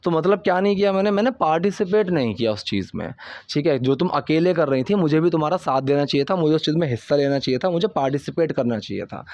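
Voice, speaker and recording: A young man teaching English grammar, chatty, often checking with "ठीक है?" and reading English example sentences out slowly and carefully. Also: a little high, a little mellow, no room sound. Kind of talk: explaining English grammar in Hindi.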